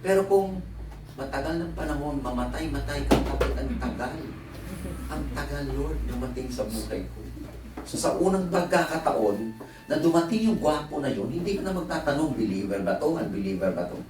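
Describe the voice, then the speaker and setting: A male pastor delivering a humorous sermon, switching between Tagalog and English with animated storytelling asides. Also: a little high, moderate pace, background noise. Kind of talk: sermon at a Bible conference. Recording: echoey hall, distant mic, faint ambience.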